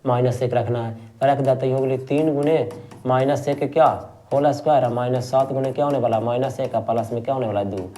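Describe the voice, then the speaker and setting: Mellow-voiced math teacher. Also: male voice, medium pitch, steady tone, fairly quick, slight background noise. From Bihar, India. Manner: asks questions and answers them himself, repeats key terms; affectionate, calls students "my rasgulla". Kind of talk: exam-prep math lesson.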